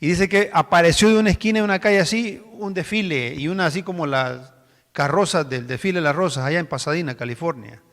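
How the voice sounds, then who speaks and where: High-voiced man preaching in a reverberant hall. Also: fast talker, fairly bright tone. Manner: storytelling, conversational with rhetorical questions to the congregation. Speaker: pastor. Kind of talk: sermon.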